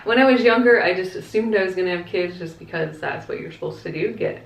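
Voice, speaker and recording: Her voice sits fairly low and she talks fast, with the recording muffled, echoey and roomy. The woman vlogger chats to camera, answering viewer questions in a candid, reflective, conversational manner.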